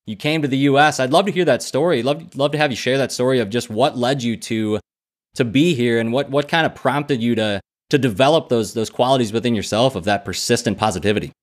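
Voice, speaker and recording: Thirties male podcast host, average pitch, warm chatty interviewer, recorded on a headset over a video call. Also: a little fast. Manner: friendly, chatty, many restarts. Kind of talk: interview hosting. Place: indoor room at home.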